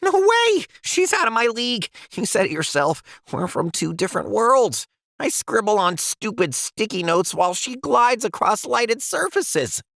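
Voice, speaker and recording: A man's voice: high voice, big pitch swings, a little slow, gravelly, fairly bright tone, no room sound, clean studio sound, heavily acted. An actor playing a shy, self-doubting young male pen in a cartoon, stammering and anxious. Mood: nervous. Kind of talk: animated cartoon voice acting.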